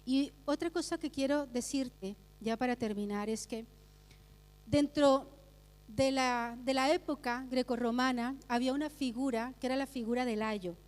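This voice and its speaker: A woman pastor with a high voice preaches a Sunday sermon, mixing personal stories with teaching. She repeats key phrases for emphasis. Her voice carries a long reverb from the church hall. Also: normal speed, darkish tone. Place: church sanctuary.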